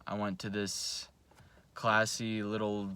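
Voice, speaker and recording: Speaking slowly in a low, completely flat voice with a sharp, clean tone, a young man whose first language is Russian delivers a profane, self-coaching motivational monologue. He's a vlogger filming at home late at night before going to bed.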